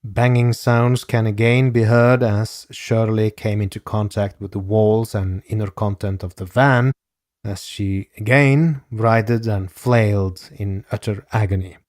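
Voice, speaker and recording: A man narrates in a grave, measured way, his voice low-pitched and his pace very slow and deliberate. The sound is dry and close, with no room around it. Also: steady tone, darkish tone, no echo. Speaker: podcast host. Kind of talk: scripted true-crime narration.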